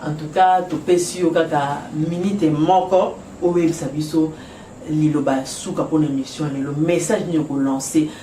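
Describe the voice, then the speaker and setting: A TV host poses interview questions in a middle-pitched voice. The voice sounds distant and echoey, with a faint hiss. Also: steady tone, moderate pace, warm tone. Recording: echoey room from far off.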